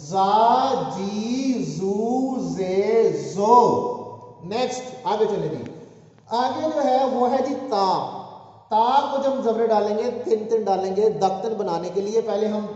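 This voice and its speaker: Guy teaching a language class, high voice, drills the sounds, dull lo-fi audio with loads of room echo. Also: unhurried, warm tone. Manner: coaxing, calls for repeating aloud. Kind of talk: spoken language lesson with drills. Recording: dull echoey room, long reverb.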